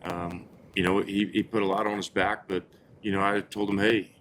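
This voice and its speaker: Low-voiced coach in a post-game interview. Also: male voice, little pitch movement, fairly bright tone, a little hiss or hum. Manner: halting, earnest, repeats words as he gathers thoughts.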